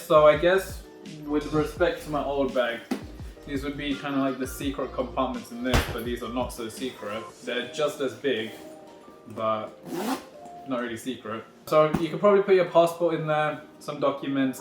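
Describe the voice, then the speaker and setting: A man records himself on a phone while he pokes through a new bag, chatting in a rambling, wry way. The room around him rings with echo and faint music plays behind him. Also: mid-range voice. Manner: rambling, wry, self-correcting. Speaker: vlogger unboxing a backpack. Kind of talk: casual unboxing walkthrough.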